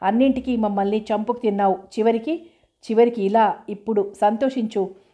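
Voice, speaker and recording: A woman voicing a young, newly widowed woman who bitterly accuses her father, in a calm, even, mellow reading voice. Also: medium pitch, moderate pace, close to an everyday voice. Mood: furious, accusing.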